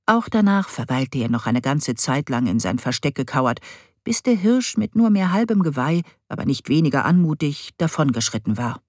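A woman reads a story aloud in a lively, expressive way. Her pitch moves a great deal from line to line. The recording is dry and close. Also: normal speed, no room sound. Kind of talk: storybook reading.

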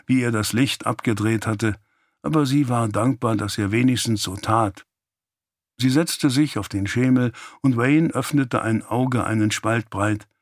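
A man narrating an audiobook in a calm, even storytelling manner. His voice sits at a middle pitch, recorded close and completely dry. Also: dry recording. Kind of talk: scripted narration.

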